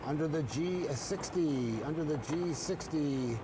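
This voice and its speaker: Higher-voiced Canadian man calling bingo numbers. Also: background noise. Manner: repeats each call in a measured, formulaic cadence. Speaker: bingo caller, host. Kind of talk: bingo caller calling numbers on a live broadcast.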